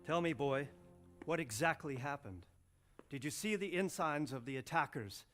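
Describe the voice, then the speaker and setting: An actor playing a castle lord in a video game, giving formal, authoritative orders. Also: male voice, fairly high pitch, animated, moderate pace, a bit bright, soft background music. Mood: grave. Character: castle lord, commanding and grave.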